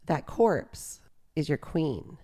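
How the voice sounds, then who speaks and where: A woman's voice: low voice, sing-song, very slow, mellow, slightly rough, exaggerated voice. A woman voicing a pained underworld queen. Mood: exasperated. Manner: pained and exasperated. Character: grieving, testy queen of the underworld.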